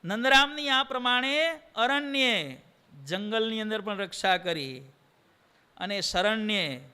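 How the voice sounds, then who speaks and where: Gujarati monk giving a story sermon, high, clear voice, lively dialogue. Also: male voice. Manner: acts out dialogue, shifting voices between characters. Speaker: swami preacher.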